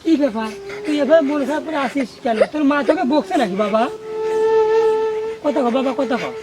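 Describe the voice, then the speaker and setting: A woman acts out a soft-hearted village parent, coaxing a weeping child. The voice sits high and the words tumble out fast, circling back to the same soothing endearments. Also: over loud music, natural voice. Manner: coaxing, repeats endearments over and over. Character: tender rural parent soothing a crying son. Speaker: actor. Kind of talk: amateur village drama acting.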